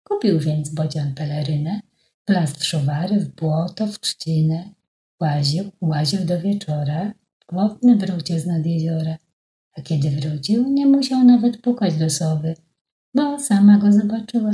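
A woman's voice: on the low side, expressive, a little slow, warm tone. A woman reading a children's story aloud in a rhythmic, rhyming way, in an echoey room.

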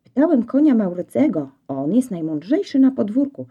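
A woman voicing an eager, excitable young male dog in a storybook, with bouncy, breathless enthusiasm. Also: on the high side, moderate pace, slightly rough, narrow, tinny audio, pitched above the performer's own voice, exaggerated voice. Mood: excited.

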